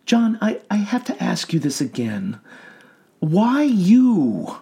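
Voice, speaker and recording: A man doing a flat-voiced asylum doctor. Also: sits high, gravelly, husky, voice pushed up, full character voice. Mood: probing. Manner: flat, measured, soothing. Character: composed female asylum doctor, clinical.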